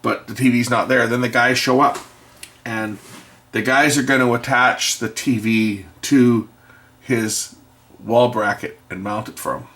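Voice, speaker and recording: A man's voice: mid-range voice, fairly even intonation, measured pace, fairly bright tone. Man, middle-aged, rambling wry storyteller, casual anecdote, muttered repair asides. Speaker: video maker and electronics tinkerer.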